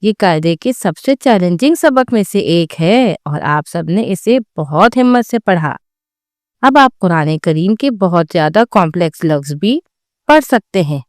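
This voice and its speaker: A woman's voice: lowish voice, lively intonation, no room sound, studio quality. A woman hosting a Quran lesson channel, reading a scripted, encouraging wrap-up of the lesson. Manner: encouraging, praising the learners.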